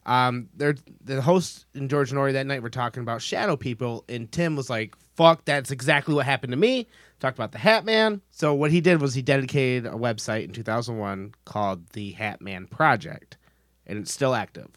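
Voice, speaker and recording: A man on a podcast telling a paranormal story in a casual way, swearing and getting loud when he's excited. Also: mid-range voice, moderate pace, no room sound, studio quality.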